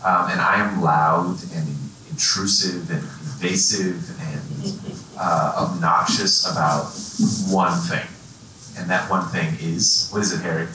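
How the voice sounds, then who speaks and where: A nonprofit director from the East Coast introduces himself on a panel in a large conference hall before an audience, making emphatic, self-mocking remarks. His low voice is steady, slow and sharp-toned, picked up from far off in the echoey hall with a little hiss or hum.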